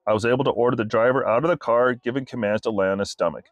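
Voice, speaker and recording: A man, a state trooper, reading his incident report aloud in a flat, formal, methodical way. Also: medium pitch, very fast, noisy background.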